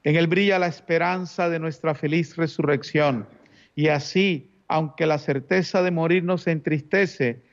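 A man's voice: fairly high pitch, fairly even intonation, measured pace, lo-fi sound. A man speaking as a priest at Mass, reciting liturgical prayers in a solemn, formal manner.

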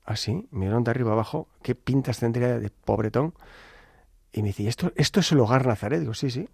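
A man, a priest telling a story in an interview and acting out the voices of the people in it with lively energy. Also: mid-range voice, fairly quick, vocal fry, breathy edge, dry recording, studio quality. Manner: animated, acts out dialogue with shifting voices.

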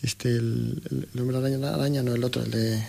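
Gravelly man telling his faith story. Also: brisk. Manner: animated, acts out quoted dialogue with rising pitch. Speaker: interview guest. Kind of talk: conversational faith testimony.

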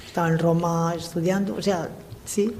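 An older woman, a religious sister, talking as an interview guest and recounting her life in a lively way with voiced-out dialogue. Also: lowish voice, normal speed. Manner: lively, animated retelling of her own past with quoted dialogue. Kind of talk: storytelling in a radio interview.

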